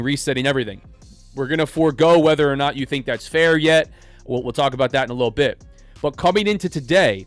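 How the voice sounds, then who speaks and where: A man's voice: medium pitch, no room sound. A man hosting a live day-trading stream, sick with a cold and sounding nasal, chatting casually and greeting viewers by name. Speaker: day trading livestream host.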